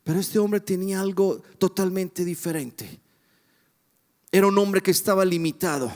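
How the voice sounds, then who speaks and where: High-voiced pastor preaching in a reverberant hall. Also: male voice, moderate pace, darkish tone. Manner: impassioned, dramatic retelling with rhetorical questions to the congregation. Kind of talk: sermon. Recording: long reverb of a church hall.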